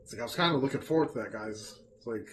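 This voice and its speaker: A man's voice: mid-range voice, animated, very fast. A man in a casual chat, venting in an exasperated rant full of swearing. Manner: heavy swearing, exasperated ranting. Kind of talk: casual chat about wrestling.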